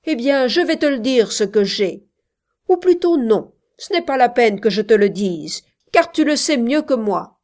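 A woman voicing a jealous young male shepherd who rants loudly and with scorn, threatening the girl he loves. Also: fairly high pitch, expressive, a little slow. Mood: angry, accusing. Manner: loud, ranting, contemptuous.

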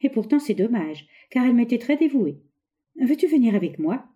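A woman reading aloud voices a lively, teasing young woman friend in a storybook. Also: fairly high pitch, pitched above the performer's own voice. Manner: teasing, brisk.

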